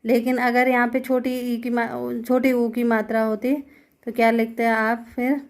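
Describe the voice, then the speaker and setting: A woman's voice: fairly high pitch, little pitch movement, normal speed. A woman teacher explaining grammar step by step, asking questions and answering them herself. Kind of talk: Hindi grammar lesson.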